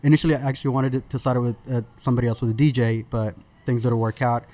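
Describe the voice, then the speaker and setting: A man in his thirties, born in Sudan, who tells the story of starting his podcast as a guest on an interview show, speaking in a relaxed, conversational way with many fillers and restarts. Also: medium pitch, fast.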